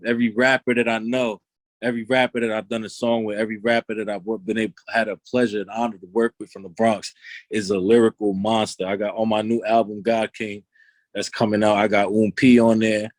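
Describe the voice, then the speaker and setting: A young rapper from Long Island, New York, talks loosely as a guest in a casual interview, often saying "you know what I'm saying." His fairly low voice is level in tone and fairly quick, with no echo.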